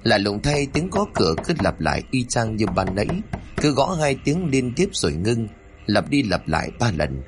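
A man's voice: fairly low pitch, big pitch swings, normal speed, a little hiss or hum. A man narrating a horror story, reading in a dramatic, suspenseful way.

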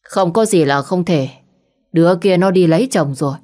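A woman voicing a stern, lecturing old grandmother in a storybook, in a lowish voice. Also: moderate pace, dark tone, close to an everyday voice. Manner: authoritative, lecturing. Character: stern old grandmother, matriarch of a rich house.

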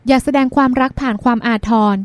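A woman reading the lines of a calm, wise older sister who soothes and gives advice. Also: high-pitched, quick pace, no echo, natural voice. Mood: gentle. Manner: soothing, advising, gently teasing. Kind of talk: audiobook character reading.

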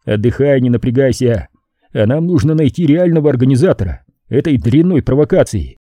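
A man voicing a patient male investigator who speaks calmly and evenly. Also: medium pitch, no room sound, natural voice. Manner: calm, measured.

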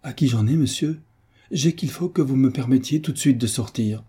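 A man voicing an excitable, self-important older woman housekeeper who talks in exclamations. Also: mid-range voice, moderate pace, breathy edge, voice pushed up. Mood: excited. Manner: exclamatory, fussy.

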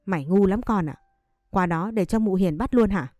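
A stern village mother, sharp-tongued and scolding, as a woman narrator puts her on. The voice is mellow and read close and dry, with faint music under the storybook. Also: medium pitch, moderate pace, no echo, close to an everyday voice.

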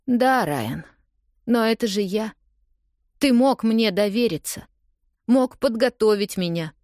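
A woman's voice: on the high side, animated, a little slow, darkish tone, dry recording, studio quality, voice pushed up. A woman reading an audiobook, voicing a hurt young woman who confronts her lover in a raised, pleading, accusing voice.

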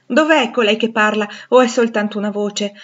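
A woman reading the part of a blind, passionate man who cries out loudly and urgently. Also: mid-range voice, steady tone, moderate pace, slightly rough, muffled recording. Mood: anguished. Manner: loud, imperious, then breathless with joy. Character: blind anguished middle-aged man, passionate.

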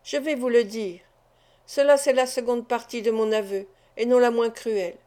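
A woman's voice: on the high side, steady tone, normal speed, mellow, natural voice. A woman voicing an anguished but resolute wife and mother making an earnest confession in an audiobook of a classic novel.

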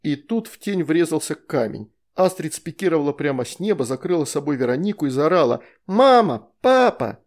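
A man narrating an audiobook in a lively, expressive reading. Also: fairly high pitch, fairly quick, few pauses. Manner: lively, performs all character voices. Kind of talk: scripted narration.

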